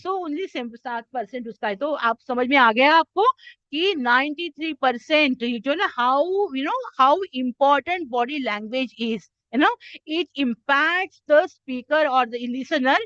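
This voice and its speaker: An Indian woman soft skills trainer giving a classroom lecture, mixing Hindi and English and often checking in with "है ना?". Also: high voice, takes it slowly, dry recording, dull audio. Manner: addresses listeners as "my children".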